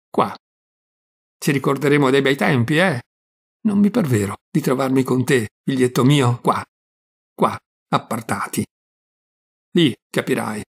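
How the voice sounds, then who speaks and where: A man voicing a flustered, kindly old aunt with a gravelly, husky voice who frets and fusses tenderly. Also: medium pitch, full character voice. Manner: fretful, fussing, tender.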